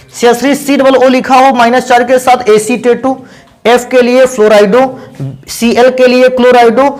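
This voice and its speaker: A man teaching a chemistry class in a patient lecture style, often putting questions to his students. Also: sits high. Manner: patient, addresses students as "beta" and asks them questions.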